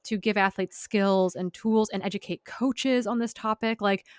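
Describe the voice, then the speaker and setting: A woman's voice: mid-range voice, fairly even intonation, normal speed, clear, resonant tone, dry recording, studio quality. A young woman hosting a podcast interview, chatty and upbeat, peppering her talk with "like". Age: young adult. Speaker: podcast host. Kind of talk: casual interview chat.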